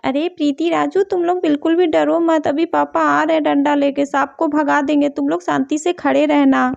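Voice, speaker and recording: A woman's voice: high voice, level tone, normal speed, creaky, darkish tone, no room sound. A woman voicing a worried, caring mother in a doll story, talking urgently. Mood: anxious, urgent. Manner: urgent, fussing. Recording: dull dry home recording.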